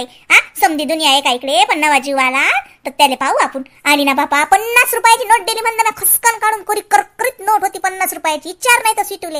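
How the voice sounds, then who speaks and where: A woman's voice: very high-pitched, bright, forceful tone. A woman playing a chatty, self-pitying old village grandmother, rambling, preaching and complaining in sing-song exclamations. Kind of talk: comic sketch acting.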